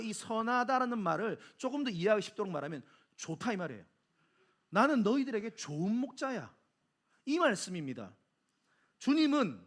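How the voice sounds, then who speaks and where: A man's voice: high-pitched, fairly bright tone. A middle-aged man preaching a Sunday sermon as pastor, asking the congregation questions and answering them himself.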